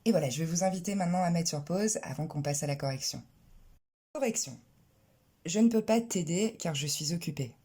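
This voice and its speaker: Woman, English teacher, low voice, mellow, explanatory, models pronunciation. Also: fairly quick, husky. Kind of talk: online English lesson.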